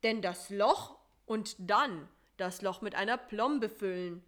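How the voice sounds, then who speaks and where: A woman voicing a slight male mosquito dentist in a storybook reading, polite and fussy, with a brisk bedside manner and a voice raised a little above her own. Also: mid-range voice, fairly bright tone.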